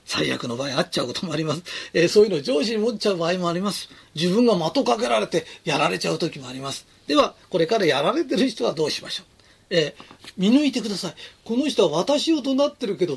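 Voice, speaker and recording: A man's voice: sits high, creaky, slightly rough. A man giving an emphatic advice talk, answering listener questions and repeating key words.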